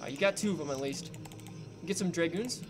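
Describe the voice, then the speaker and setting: A man's voice: a little high, brisk. Chatty young man hosting a game stream. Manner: chatty, excitable, cheering on a player. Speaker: gaming channel co-host and caster. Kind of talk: casual live-stream game commentary. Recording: game music playing behind.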